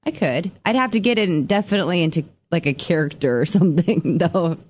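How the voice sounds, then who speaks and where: A woman co-hosting a radio morning show, animated and giggly in playful banter. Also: fairly low pitch, fairly quick. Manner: giggly, animated, mock-sultry reading. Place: radio studio. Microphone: studio mic.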